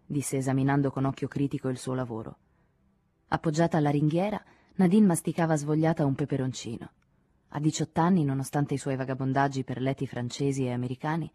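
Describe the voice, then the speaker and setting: A woman reading a literary novel aloud in a measured, expressive narration. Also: low-pitched, dry recording. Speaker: audiobook reader.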